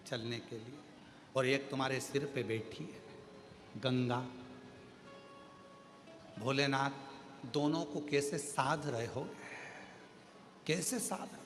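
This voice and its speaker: A man voicing a humbled male demon who pleads softly and imploringly for release. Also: fairly even intonation, slow pace, long pauses, long reverb tail, faint music behind. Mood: mocking. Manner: soft, low and imploring.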